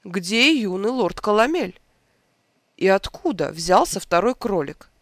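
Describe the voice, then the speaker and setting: A pompous old king from a fairy tale drawls his words slowly and irritably, voiced by a reader. The voice carries a gravelly fry. It sounds dry and close-miked. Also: medium pitch, sing-song, a bit bright, dry recording.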